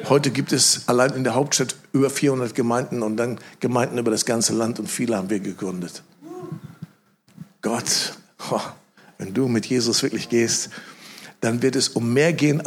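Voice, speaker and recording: A male preacher giving a lively sermon, telling stories and acting out the voices of the people in them, often repeating phrases for emphasis. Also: mid-range voice. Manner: animated storytelling, acts out quoted voices loudly; emphatic repetition.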